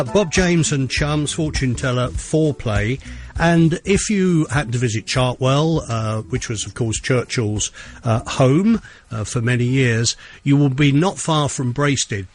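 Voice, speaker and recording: A middle-aged man presenting a radio show in a chatty, enthusiastic way, pausing on many "uh"s. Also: mid-range voice.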